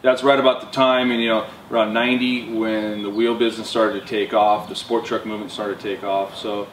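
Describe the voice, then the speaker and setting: Low-voiced man reminiscing about trucks. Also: flat delivery, brisk, slight background noise. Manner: easygoing, filler-heavy. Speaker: wheel builder interviewee. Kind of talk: casual interview recollection. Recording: distant mic, roomy echo.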